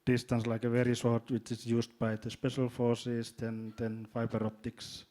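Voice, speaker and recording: A man from Finland with a Finnish accent, speaking as a panelist in a hesitant way, often repeating words and filling pauses. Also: medium pitch, monotone, dark tone. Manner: halting, repeats words, many fillers. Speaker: panelist, drone company executive. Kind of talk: panel discussion.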